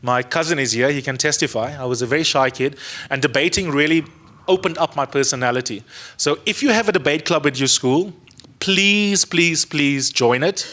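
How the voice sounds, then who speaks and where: Addressing young people from a panel, this Afrikaans-speaking South African man in his thirties talks earnestly into a handheld mic, repeating words to stress them. His voice is a little high, pushed, and bright, at a moderate pace. The setting is a museum auditorium with the audience seated.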